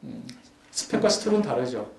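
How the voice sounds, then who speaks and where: At a youth forum lecture hall, a man gives a chatty lecture, acting out everyday scenes and pressing his points with mounting emphasis. His creaky, mid-range voice swoops wildly in pitch and moves fairly quickly. The hall echoes, with a faint hum behind him.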